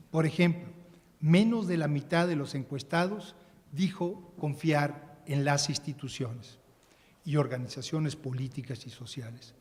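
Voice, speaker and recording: A man giving a measured, formal prepared speech as a panelist, with occasional restarts. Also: a little high, darkish tone. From Mexico. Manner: measured, reading a prepared text, some restarts. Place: large conference hall. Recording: conference hall with long reverb.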